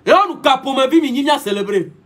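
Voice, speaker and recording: A man holds forth in a live-stream monologue, preachy and repetitive, hopping between languages. His voice sits very high for a man and sounds husky, and it rises and falls in lively swings. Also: brisk. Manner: preachy, repetitive, switching languages mid-sentence. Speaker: livestream host.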